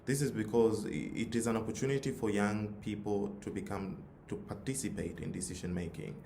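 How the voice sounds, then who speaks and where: A youth nonprofit leader with a Tanzanian accent gives an earnest motivational forum talk with a personal story, repeating phrases for emphasis. His fairly low voice is brisk and mellow with vocal fry and fairly even intonation, and the recording has roomy echo and audible background noise.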